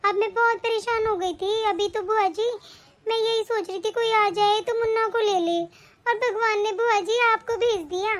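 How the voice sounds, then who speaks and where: A woman voicing a young new mother in an animated family story, polite, earnest and respectful. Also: very high voice, moderate pace. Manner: earnest, respectful, talks at length.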